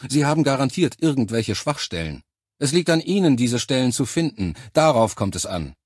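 A man voicing a gruff male drill instructor who gives curt, loud orders to recruits in an audiobook. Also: mid-range voice, big pitch swings, moderate pace, no echo, studio quality, voice pushed up. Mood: lecturing.

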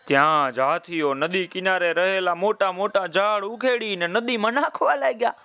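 A man's voice: sits high, moderate pace, bright, forceful tone, clean tone, dry recording. A man telling a children's story in a playful way, speaking directly to his young listeners.

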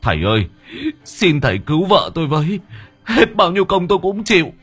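A man's voice: on the high side, sing-song, a little fast, fairly bright tone, breathy edge, faint music behind, pitched above the performer's own voice, exaggerated voice. A man voicing a desperate middle-aged husband in an audio story, pleading frantically.

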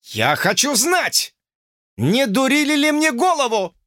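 Casting: a man doing an eager young suitor, insistent and stumbling, lively pitch, dry sound. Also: unhurried, no room sound. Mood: agitated. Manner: insistent, flustered, stammering. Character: agitated, lovesick young man George.

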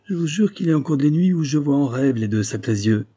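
A man's voice: a little high, lively intonation, fairly quick, dark tone, slightly rough, voice pushed up. A man voicing a shaken army surgeon. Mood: indignant. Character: shaken male army surgeon telling his tale.

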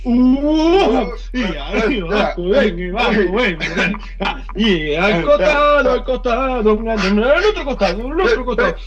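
An actor playing a bossy, pompous army sergeant in a comic radio sketch, barking drill sergeant commands in a gravelly voice. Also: male voice, very high-pitched, sing-song, slow pace, dull audio, full character voice. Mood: gleeful, commanding.

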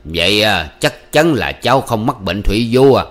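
A man voicing an old man, a former cook, who questions slowly and deliberately. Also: on the low side, expressive, close to an everyday voice. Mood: probing. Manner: slow, probing, deliberate.

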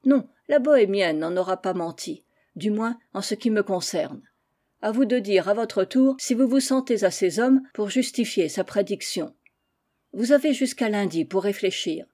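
A woman's voice: medium pitch, lively intonation, moderate pace, mellow, natural voice. A woman reading as a stubborn old village tailor. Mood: determined. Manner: emphatic, resolute.

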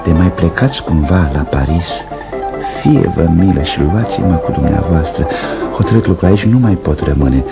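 A man's voice: low voice, animated, gravelly, loud music behind the voice. An actor playing a smug, fawning young footman in a radio play, with affected speech.

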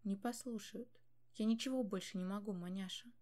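Woman doing a weary old king father, quiet and resigned, mellow. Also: mid-range voice, normal speed, natural voice.

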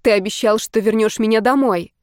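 Woman doing a furious young heroine, heated and raised, higher than her narration, dry sound. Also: brisk, darkish tone, no echo, close to an everyday voice. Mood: angry.

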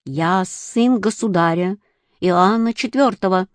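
A woman voicing a haughty young tsarevich boy who speaks slowly in a lofty, old-fashioned way. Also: medium pitch, no room sound, studio quality, lightly acted.

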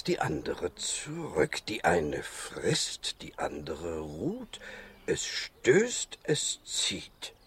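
A kind, principled doctor of animals, with a medium pitch that moves dramatically. He speaks slowly and earnestly in a children's radio play, faint noise behind. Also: exaggerated voice. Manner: theatrical, earnest.

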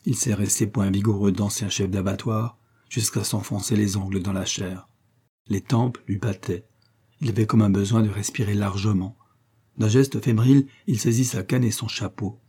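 A male audiobook narrator reading a classic novel in a measured, even way. His low voice sounds mellow and somewhat husky. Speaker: audiobook reader. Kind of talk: scripted narration.

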